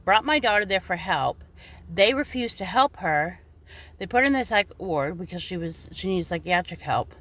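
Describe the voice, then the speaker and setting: A woman's voice: on the low side, expressive, moderate pace, a bit bright. A woman in her forties, upset and indignant, venting straight to her followers in a video and cursing now and then. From United States. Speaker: vlogger.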